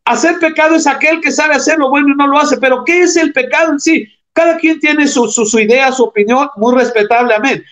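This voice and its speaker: A man's voice: extremely high pitch, steady tone, brisk, hardly any pauses, a bit bright. A man preaching a sermon, reading scripture aloud and explaining it, calling the congregation brothers and asking them rhetorical questions.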